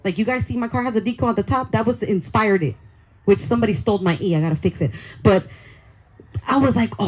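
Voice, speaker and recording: A young adult woman, a youth pastor, telling an excitable, chatty testimony sermon to young people and saying "like" a lot. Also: a little high, slightly rough, poor audio. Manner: excitable, chatty storytelling full of "like".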